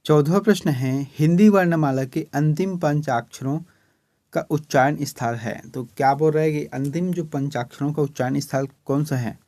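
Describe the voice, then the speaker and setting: A man's voice: on the high side, normal speed, mellow, no room sound. A male teacher from Chhattisgarh, India, walking through exam questions step by step and often checking in with "okay". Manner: explains step by step, repeating "ठीक है". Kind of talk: exam-prep lesson.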